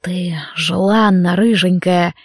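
Woman doing a hungry purring demon guy, low husky whisper, slow, whispered role-play, dry close sound. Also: steady tone, dry recording, heavily acted. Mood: seductive whisper. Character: seductive male demon professor, hungry and purring.

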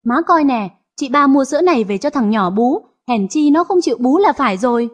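A clever, soft-spoken youngest daughter , played by a woman narrator, who asks pointed questions calmly. Her rides a high, husky voice in a narrated audio story. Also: fairly quick, muffled recording. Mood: probing. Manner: calm, probing. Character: shrewd gentle youngest daughter.

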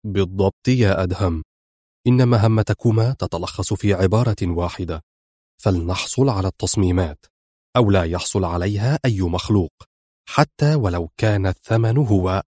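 A man's voice: lowish voice, lively intonation, brisk, darkish tone, dry recording, clean studio sound. A man reading a stern, grave spy chief. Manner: firm, grave. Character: stern middle-aged male intelligence chief.

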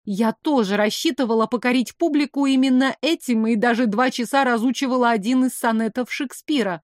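A woman reading a fantasy novel aloud in a steady, expressive first-person narration. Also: on the high side, brisk, no room sound, clean studio sound. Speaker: audiobook narrator. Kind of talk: scripted narration.

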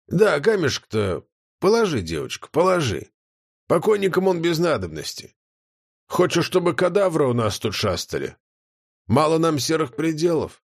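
A drawling, sneering fat guardian spawned by chaos, as a man reading an audiobook puts him on. He teases with a lively, swooping pitch and a theatrical sneer, all smug amusement. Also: normal speed, breathy edge, full character voice. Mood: mocking. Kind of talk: audiobook character voice.

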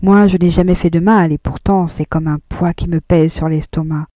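A woman's voice: fairly low pitch, fairly even intonation, moderate pace, dark tone, no echo, dull audio, natural voice. A woman voicing a despairing, good-hearted young man. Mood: agitated. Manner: pleading, agitated outbursts. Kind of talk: audiobook dialogue.

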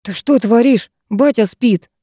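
A woman voicing a hulking, angry farmhand who speaks gruffly in an audiobook. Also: on the high side, unhurried, warm tone, dry recording, clean studio sound. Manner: gruff and irritated.

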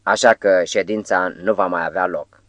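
A suave, mysterious foreign professor, as a man reads him in an audiobook, calm and politely persuasive. The voice sits fairly low and sounds close and dry, with no room around it. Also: no room sound. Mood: courteous.

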